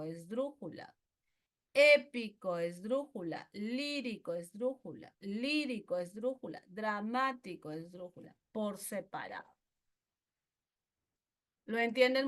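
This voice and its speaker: Slow, higher-pitched woman teaching grammar. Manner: slow and repetitive, checks understanding with frequent questions. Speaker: language teacher. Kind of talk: pre-university grammar lesson.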